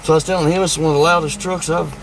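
Gravelly middle-aged man, excited. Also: fairly high pitch, racing, crowd noise, poor audio. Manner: excited, keeps saying "oh my goodness". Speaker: fan and subscriber. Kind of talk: casual chat. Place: outdoors by a truck at a gas station.

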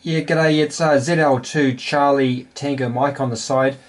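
Easygoing mid-pitched New Zealand man. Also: fairly even intonation, measured pace, a little hiss or hum. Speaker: amateur radio builder and host. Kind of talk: casual hands-on hobby demonstration. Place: indoor home electronics workbench.

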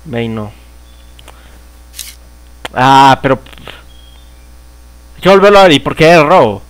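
In a dry recording with game music behind him, a young Colombian gamer with a Paisa accent speaks slowly and animatedly at medium pitch. He curses, grumbles, shrieks, and laughs in mock panic while giving angry let's-play commentary on a horror game.

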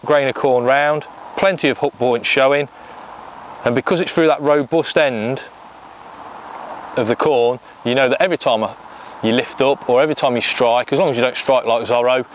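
Standing outdoors on a lakeside bank, an English angling coach in his thirties explains fishing tips step by step in a practical way, his voice in a middle pitch. The low-quality recording comes from a clip-on mic and carries a faint background hum.

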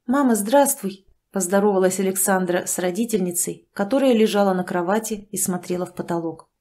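A woman narrating an audiobook in an even, measured storytelling manner. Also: lowish voice. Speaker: audiobook reader. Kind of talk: scripted narration.

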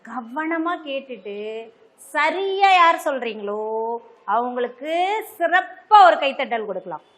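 A woman's voice: sits high, expressive, a little slow, fairly bright tone. A woman teaching a classroom lesson to young children with a Tamil Nadu accent, coaxing them along with constant questions. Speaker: primary school teacher. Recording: echoey classroom, faint noise.

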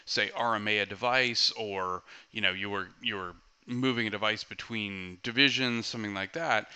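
A male trainer talks through a command-line demo at an easy, conversational pace, dropping in frequent fillers. His voice sits somewhat low but sounds very bright and forward. The tone is smooth and clean throughout. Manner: relaxed, conversational, many "uh"s. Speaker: product trainer. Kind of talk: screen-recorded tech tutorial voice-over.

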